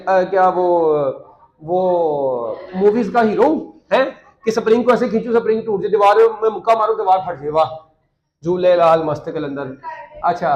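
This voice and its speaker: High-voiced male teacher in echoey classroom. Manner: joking, quizzes students with repeated questions. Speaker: physics teacher. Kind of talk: classroom physics lecture.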